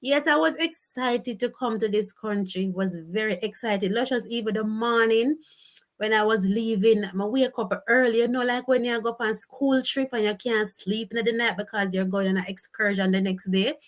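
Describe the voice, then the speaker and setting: A woman's voice: a little high, moderate pace. Chatty Jamaican woman livestream host. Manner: chatty, storytelling, laughs often, switches into patois. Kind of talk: casual livestream chat, reading viewer comments.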